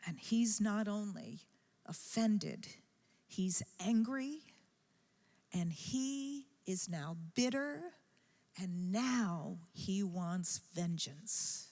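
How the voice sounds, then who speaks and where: A woman preaching a sermon in a church, telling a story slowly and with rising emphasis. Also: medium pitch, lively intonation, darkish tone. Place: church sanctuary. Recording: long church-hall reverb.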